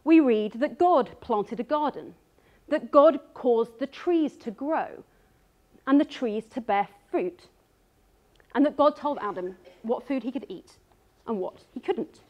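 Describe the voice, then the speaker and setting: On a dark stage in front of an audience, a woman in her thirties speaks in a slightly high voice, picked up by a stage mic with dull-sounding audio. She's animated yet earnest and measured, working through her prepared notes.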